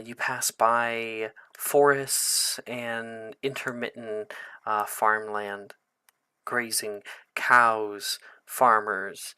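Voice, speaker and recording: Slow, rambling male game master. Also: on the low side, bright, forceful tone, clear, resonant tone. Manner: loose, hesitant narration full of ums and likes. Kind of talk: narrating a tabletop horror game.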